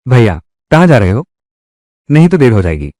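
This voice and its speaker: Man with a lively, varied pitch. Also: moderate pace, no room sound. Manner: reads every part in one voice. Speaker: dubbing narrator. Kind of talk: Hindi drama recap dubbing.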